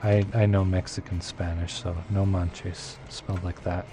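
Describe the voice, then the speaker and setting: A deep-voiced man rambles casually to his viewers while he plays, thinking aloud and filling gaps with fillers. Game music plays clearly behind him throughout. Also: little pitch movement, moderate pace. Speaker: live-streamer.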